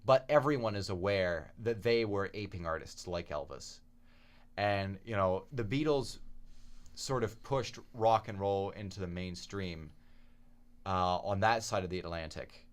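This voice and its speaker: A man's voice: deep voice, unhurried. A young man co-hosting a podcast in casual chat, opinionated and talking in long stretches. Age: young adult. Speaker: podcast co-host.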